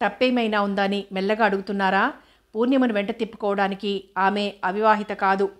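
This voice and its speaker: Hot-tempered, jealous husband, read by a woman narrator; confrontational, low variation. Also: little pitch movement, fairly quick, natural voice. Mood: indignant. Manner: angry, confrontational.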